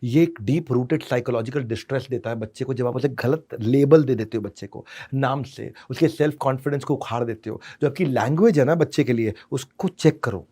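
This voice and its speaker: A man's voice: medium pitch, brisk, hardly any pauses, dark tone, husky. A man giving a motivational parenting seminar. He speaks theatrically, uses rhyming lines and mixes English into Hindi. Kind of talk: stage seminar talk.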